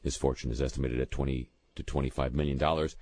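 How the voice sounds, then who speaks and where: A man's voice: a bass voice, fairly even intonation, fast talker, darkish tone. A man hosting a show, reading out news items in a wry commentary style and dropping sardonic offhand asides between them. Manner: reads news items with quips and small restarts.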